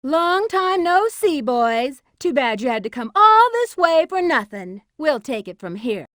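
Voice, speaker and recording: A sassy, flirtatious female bat treasure hunter for a video game. Her high voice swings animatedly up and down with teasing confidence. The sound is close and dry. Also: sing-song, measured pace, fairly bright tone, no echo, heavily acted. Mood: smug.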